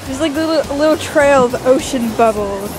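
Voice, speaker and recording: A young woman casually narrating a handheld vlog outdoors, in an excitable, exclaiming manner. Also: high voice, brisk, very noisy. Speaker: vlogger. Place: outdoors on a beach. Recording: outdoor beach recording with music.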